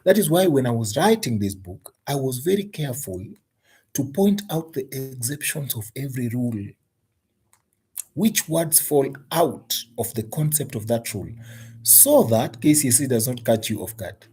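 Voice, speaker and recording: A man's voice: medium pitch, sing-song, normal speed, mellow, slightly rough. A man with a Kenyan English accent teaching an exam-prep English lesson, emphatic and often repeating words.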